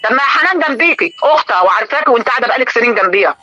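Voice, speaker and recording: An older Egyptian woman rants at high speed on a live stream, scolding and indignant. Her voice is sharp and very bright. The sound is dull and lo-fi, as if it comes through a phone. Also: animated. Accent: Egyptian Arabic. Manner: indignant, scolding, rapid-fire. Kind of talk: heated live-stream talk to viewers and a caller.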